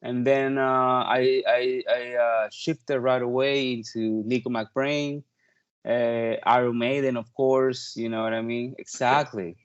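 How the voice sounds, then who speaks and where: A native Spanish speaker from Peru, this thirty-something touring drummer chats casually as a talkative interview guest, leaning on "like" and "you know." He speaks slowly in a clean, mid-range voice with little pitch movement, over dull audio.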